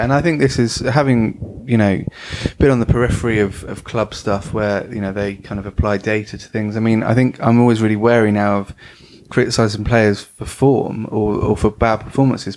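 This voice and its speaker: A man co-hosting a podcast, talking about football in a measured, thoughtful way. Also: fairly low pitch, a little mellow. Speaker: podcast co-host. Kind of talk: casual football chat.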